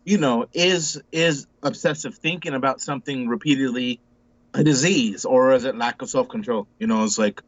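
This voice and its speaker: Heard on a dry recording with the highs cut off, a man in his forties with a mid-range voice talks at normal speed. He's an easygoing interview guest whose casual conversation rambles with lots of restarts, repetitions, and frequent use of bro and dude.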